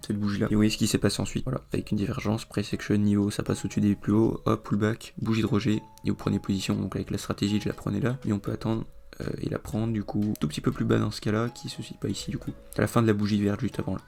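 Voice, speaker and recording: A man explaining a trading chart in a screen-recorded tutorial, rambling with many fillers, his voice a little hoarse. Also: lowish voice, darkish tone. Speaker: trading video host.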